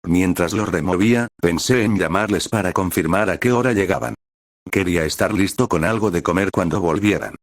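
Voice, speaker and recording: Narrador de voz muy grave, lectura pausada de relato, sonido seco y cercano. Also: male voice, low voice, no echo, studio quality. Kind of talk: first-person story narration.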